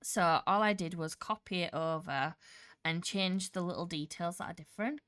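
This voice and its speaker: A woman's voice: lowish voice, normal speed, fairly bright tone, smooth, no echo, studio quality. A woman streaming a building game, chatting casually and rambling with lots of restarts, her nose congested and a slight cough in her voice. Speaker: Minecraft streamer. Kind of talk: casual live-stream commentary while building.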